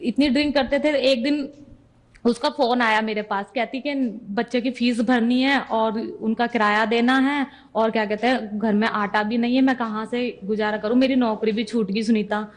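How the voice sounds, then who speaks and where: A woman's voice: a little high, steady tone, normal speed. A young woman giving an earnest personal testimony as a devotee, retelling conversations step by step.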